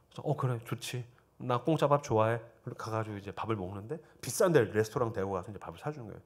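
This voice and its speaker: Animated Korean pastor telling stories. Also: male voice. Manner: animated, quotes himself and students in lively dialogue; drops to a low murmur for quoted lines. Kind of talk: sermon storytelling at a teachers' seminar. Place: church sanctuary.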